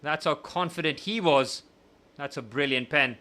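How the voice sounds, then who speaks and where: A young man hosting a live watchalong, giving partisan match commentary that swings from glum musing to excited shouting. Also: a little high, normal speed. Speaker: watchalong host.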